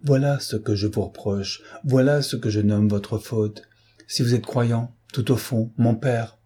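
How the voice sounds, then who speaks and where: A man's voice: medium pitch, fairly even intonation, a little slow, warm tone, slightly rough. A man voicing an embittered young man reproaching his parents with impassioned bitterness. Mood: bitter.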